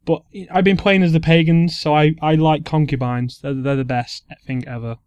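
A man's voice: on the high side, fairly even intonation, moderate pace, darkish tone, smooth, dry recording, muffled recording. A man on a casual podcast chat, giggly and hesitant.

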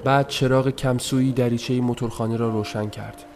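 A man reading a story aloud in a soft, measured, somber voice, as scripted narration. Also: mid-range voice, fairly even intonation, music in the background. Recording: noisy recording.

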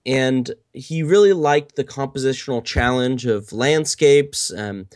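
A man's voice: medium pitch, no room sound, clean studio sound. Man co-hosting a casual chat podcast. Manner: storytelling with frequent fillers. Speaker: podcast co-host.

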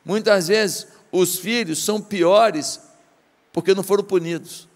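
A pastor with a Brazilian Portuguese accent preaches a sermon in a large hall, dramatically retelling a story and firing rhetorical questions at the congregation. His voice sits high, and he speaks at a measured pace.

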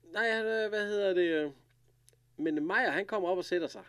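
A man casually recapping an episode, retelling scenes with lively quoted lines and laughter. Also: high-pitched, clear, resonant tone. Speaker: podcast co-host recapping an episode. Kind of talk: casual chat.

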